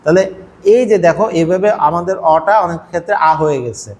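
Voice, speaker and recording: High-voiced man lecturing a class. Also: fast talker, darkish tone. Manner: explains patiently with rhetorical questions to students. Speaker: teacher. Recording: faint noise, long hall echo.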